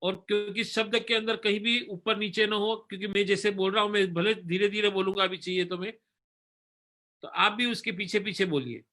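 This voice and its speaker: A man giving a religious sermon, then slowly reciting a devotional hymn line by line for listeners to repeat. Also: sits high, steady tone, bright, forceful tone. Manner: earnest, instructive, leads the chant slowly line by line. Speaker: spiritual teacher. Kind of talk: sermon and slow stotra recitation.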